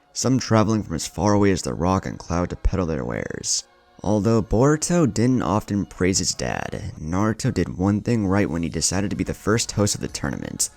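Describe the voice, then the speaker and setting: A channel storyteller narrates a scripted fan fiction story over background music. His voice is low and creaky, with a darkish tone.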